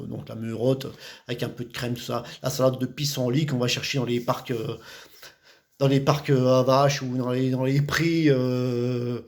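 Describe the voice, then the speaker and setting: A man's voice: medium pitch, a little mellow. A man from the Vosges with a Vosges French accent, chatting casually about local words, talking in loose repetitive bursts with many fillers. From Vosges, France.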